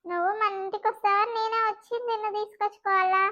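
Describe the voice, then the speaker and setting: A fretful, fussing village mother with a Telangana accent and a high voice, as a woman acts her out. The sound is a little dull and lo-fi. It suits a cartoon family comedy. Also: level tone, fast talker, bright, forceful tone. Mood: worried. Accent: Telangana Telugu. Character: worried middle-aged village mother.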